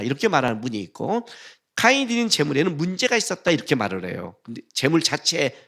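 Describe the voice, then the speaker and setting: A man preaching a sermon as pastor, animated and conversational, often asking the congregation questions. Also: on the high side. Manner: animated, acts out God's blunt rebukes in a rough voice.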